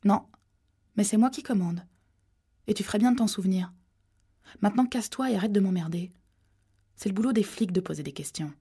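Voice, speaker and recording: Cold bully of a man read by a woman, mellow low-key sneer, breathy edge. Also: fairly quick, pauses often. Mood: threatening. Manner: sneering, contemptuous. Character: cold menacing man, cruel and domineering.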